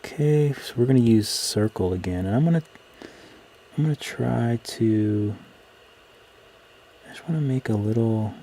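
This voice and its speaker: A man's voice: medium pitch, a little slow, dark tone. A man casually talking through his work on a live stream, muttering to himself in trailing fragments close to the mic. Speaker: live streamer, digital artist. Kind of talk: casual live-stream commentary while working. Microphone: close microphone. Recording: clear background noise.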